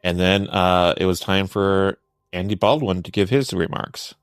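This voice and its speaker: A man's voice: deep voice, measured pace, clean tone, no echo, clean studio sound. A man co-hosting a podcast, recapping courtroom arguments in a casual conversational style. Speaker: podcast co-host. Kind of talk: conversational true-crime trial commentary.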